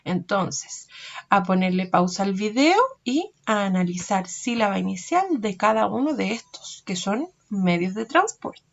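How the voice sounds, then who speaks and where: A woman, teaching a recorded lesson to young children, slow and patient, stretching out words and checking in often. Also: mid-range voice, animated. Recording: dull lo-fi recording.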